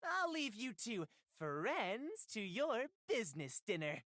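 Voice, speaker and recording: A woman's voice: on the high side, very animated, slow pace, fairly bright tone, no echo, clean studio sound, full character voice. A woman voicing a cheeky male bard who mocks his friends in playful, theatrical, mock-archaic phrasing, read aloud from a visual novel. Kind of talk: voice acting while reading a visual novel on stream.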